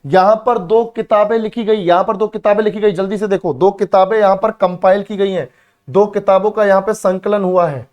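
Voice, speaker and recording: Pitched high with a darkish tone and fairly even intonation, a man talks fairly quickly while teaching an exam-prep history lesson at a board; the audio is dull. He drills key words, calls his students beta and bhai, and answers his own questions.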